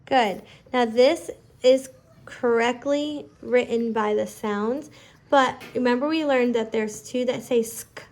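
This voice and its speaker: A woman teaching a phonics lesson casually, giving slow school dictation with repeated words and prompts for a child. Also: on the high side, darkish tone. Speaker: home phonics teacher, parent-style instructor.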